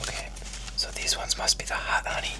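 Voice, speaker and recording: A food vlogger speaking in an unhurried, casual, chatty whisper close to the microphone for an ASMR mukbang video.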